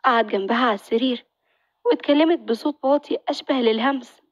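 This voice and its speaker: A woman narrating a story in a brisk, expressive reading. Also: on the high side, dry recording, highs cut off.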